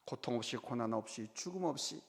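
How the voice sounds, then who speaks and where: Korean pastor preaching in an echoing hall. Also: male voice, mid-range voice, lively intonation, a little fast. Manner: swings from loud emphatic preaching to near-whispers; tells stories and acts out both sides of a dialogue. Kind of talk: sermon. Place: church sanctuary. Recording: hall reverb from a church sanctuary.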